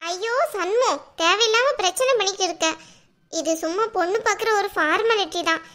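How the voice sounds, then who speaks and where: Woman doing a squeaky cartoon big sister who gets defensive and snappy. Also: normal speed, a bit bright. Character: touchy young woman, elder sister Poomari.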